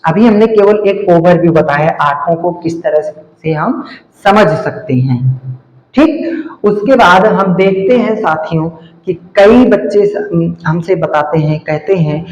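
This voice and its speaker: A man's voice: on the high side, a little slow. A male teacher giving a grammar lesson, explaining step by step, repeating key words and spelling them out letter by letter. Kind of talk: classroom-style grammar lesson. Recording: echoey room.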